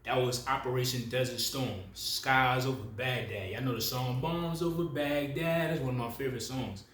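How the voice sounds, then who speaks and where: A man's voice: mid-range voice, steady tone, moderate pace, fairly bright tone. Man in his thirties, rambling casual talk, echoey room, faint room noise. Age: 30s. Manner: loose, rambling, self-correcting, slangy and familiar. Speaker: spiritual video creator.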